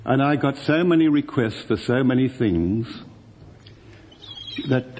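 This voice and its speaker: A man's voice: mid-range voice, lively intonation, measured pace, darkish tone, long reverb tail, a little hiss or hum. An older man, a retired radio presenter telling stories and acting out both sides of old conversations. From Australia. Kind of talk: reminiscing storytelling.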